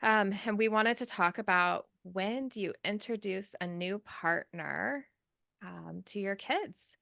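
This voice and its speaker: An upbeat American woman hosts a podcast with a bright, forward voice and a gravelly edge, filling her casual talk with "um"s. The sound is dry and close, with faint music under the intro. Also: medium pitch, slow, no room sound. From United States. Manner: upbeat, says um often. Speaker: podcast co-host.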